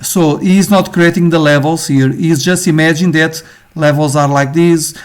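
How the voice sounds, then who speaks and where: A man with a Portuguese accent, a native Portuguese speaker, giving an informal screen-share lesson on game design, halting often with fillers and tag questions. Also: on the high side, steady tone, clear, resonant tone. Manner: halting, many fillers, ends phrases with "okay?".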